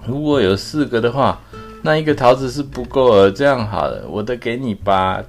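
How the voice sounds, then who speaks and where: Dad doing cheery little storybook mice, chirpy and eager, a bit higher than his own voice, some guitar faint behind. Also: animated, moderate pace, gravelly. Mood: cheerful.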